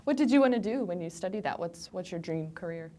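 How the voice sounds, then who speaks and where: A woman interviewing, asking questions gently and rephrasing them to help the speaker understand. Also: lowish voice, lively intonation, fast talker. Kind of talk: oral history interview.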